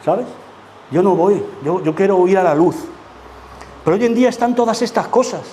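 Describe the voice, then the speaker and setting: A man's voice: high voice, moderate pace, warm tone, a little hiss or hum. A man from preaching a sermon as pastor, emphatic and full of rhetorical questions to the congregation. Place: church.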